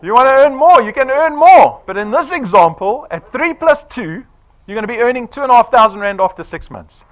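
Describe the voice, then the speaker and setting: The recording quality is low, and the man's voice is very high and fairly quick. He's in his forties, delivering an animated, persuasive sales talk before a live audience and repeatedly testing the room with "right?"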